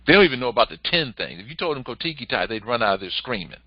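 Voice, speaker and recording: Animated man giving a motivational talk. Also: rapid-fire, no echo, lo-fi sound. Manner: animated, rises in pitch when quoting others. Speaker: host, entrepreneur coach. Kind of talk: casual monologue, motivational talk.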